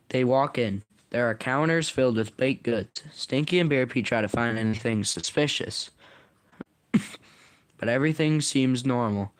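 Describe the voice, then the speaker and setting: A man reads his own story aloud, casual and unpolished, stumbling now and then and fixing his words. His voice sits at an average pitch. The sound is dry and close, with no room echo. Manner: casual, stumbles and corrects himself.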